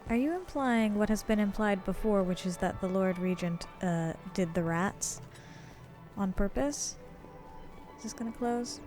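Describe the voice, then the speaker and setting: A woman's voice: mid-range voice, unhurried, a little mellow, faint music behind. A woman giving chatty gameplay commentary as a let's play host, talking herself through things in a flustered way. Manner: chatty, flustered self-talk.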